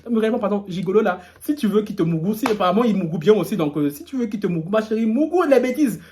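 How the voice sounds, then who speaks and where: High-voiced man dishing celebrity gossip. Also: lively intonation, very fast, darkish tone, slight background noise. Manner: playful, teasing, laughs often; reads social media posts aloud and mocks them. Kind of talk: casual gossip commentary.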